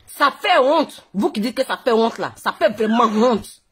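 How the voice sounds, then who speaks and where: A woman's voice: fairly high pitch, lively intonation, measured pace, fairly bright tone, breathy edge. A woman with an Ivorian French accent, a blogger ranting on a Facebook live stream into her phone, mocking and scolding with a lot of laughter. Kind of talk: heated live-stream rant.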